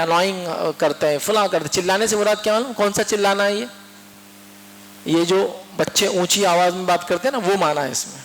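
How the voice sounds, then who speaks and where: A man from India delivering a lively sermon, often asking his listeners questions and acting out little dialogues. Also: high-pitched. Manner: lively, asks the audience questions and mimics dialogues. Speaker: preacher. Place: mosque hall. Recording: mosque hall with long echo and faint hum.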